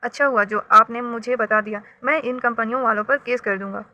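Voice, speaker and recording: A brash middle-aged shopkeeper with a sharp, raised voice, read aloud by a woman. His tone is bright and loud, with a slightly high pitch. He is a storybook character who blusters and then begs. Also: fairly even intonation, brisk.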